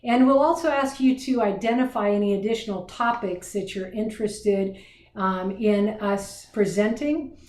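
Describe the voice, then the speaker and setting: A woman's voice: medium pitch, moderate pace, a little mellow. A woman hosting a webinar, giving an informal spoken introduction. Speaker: webinar host. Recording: roomy, echoing sound.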